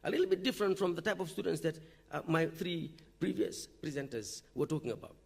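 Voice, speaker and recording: Speaking quickly and with animation, a Fijian man gives a conference talk in a high, gravelly voice. He's a university lecturer at a teaching forum, set in a lecture hall or forum room, and keeps things conversational with repeated "okay?" check-ins.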